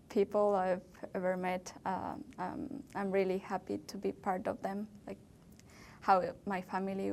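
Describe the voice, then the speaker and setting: A young woman from Ecuador, a native Spanish speaker, answering interview questions in English slowly and hesitantly, with many fillers. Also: mid-range voice, gravelly, darkish tone, a little hiss or hum. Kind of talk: oral history interview.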